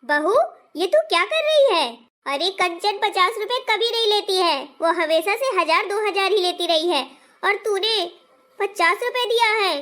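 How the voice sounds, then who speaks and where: A woman's voice: extremely high pitch, animated, unhurried, fairly bright tone, full character voice. A woman voicing a scolding older mother-in-law in a cartoon family story, who exclaims and fusses and then soothes.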